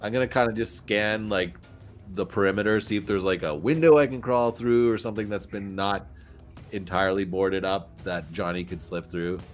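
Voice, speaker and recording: A man with a lowish voice plays a tabletop game, talking casually and tentatively. Music sits behind him. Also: fairly even intonation, moderate pace.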